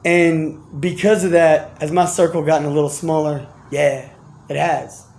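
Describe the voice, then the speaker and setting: A man talking casually and earnestly to his viewers, giving motivational advice in slangy, repetitive speech with frequent restarts. He swings between animated bursts and low, quiet asides. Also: a little slow, creaky. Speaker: vlogger giving life and business advice. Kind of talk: casual motivational monologue to camera.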